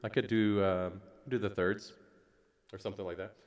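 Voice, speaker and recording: A man who is a guest musician, chatting casually and explaining his instrument in a relaxed way. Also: on the low side, moderate pace, very noisy. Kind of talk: casual chat. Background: music playing.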